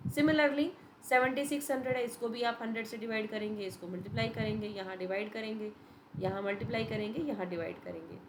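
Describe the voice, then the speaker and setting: A woman's voice: on the high side, steady tone, fast talker, noisy background. Patient woman teacher explaining step by step. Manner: patient, explains step by step, addresses students as beta. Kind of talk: revision lesson for children, Hindi-English mix.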